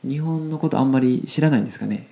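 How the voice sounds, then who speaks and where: A young man with a Kansai accent teaching Japanese phrases in a relaxed, chatty lesson, full of fillers. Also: medium pitch, quick pace, creaky. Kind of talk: casual language lesson.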